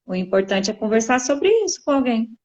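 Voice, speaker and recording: A woman on a live talk, giving calm, reflective advice in casual conversation. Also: on the high side, fairly quick, lo-fi sound. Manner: reflective, gently advising.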